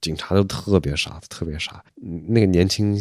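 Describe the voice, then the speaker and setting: A man's voice: deep voice, normal speed, no room sound, clean studio sound. A man co-hosting a podcast in casual chat, blunt and critical in a matter-of-fact way. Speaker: podcast co-host.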